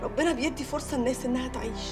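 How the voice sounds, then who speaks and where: An actress with an Egyptian accent playing a divorced woman who pours out a bitter, rapid complaint in a TV drama. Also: high-pitched, music in the background, natural voice. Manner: bitter, fast, pleading monologue. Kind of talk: TV drama dialogue.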